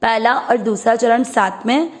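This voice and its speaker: Slow, patient woman teaching Sanskrit pronunciation. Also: fairly high pitch. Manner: patient, drawing out syllables when chanting the verse. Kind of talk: slow syllable-by-syllable pronunciation lesson.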